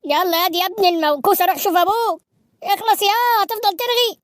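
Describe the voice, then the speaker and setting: A man doing a shrill bossy Egyptian mother. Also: steady tone, fast, a bit bright, no echo, clean studio sound. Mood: scolding. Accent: Egyptian Arabic. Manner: frantic, scolding.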